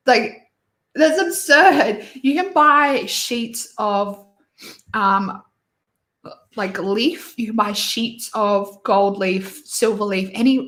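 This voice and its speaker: Aussie woman rambling slowly about beauty stuff, lots of ums, room sounds kinda echoey. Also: medium pitch, a bit bright. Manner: chatty, opinionated, full of fillers and restarts. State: hiccups and sneezy. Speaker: beauty YouTuber host. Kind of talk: casual livestream chat reviewing releases.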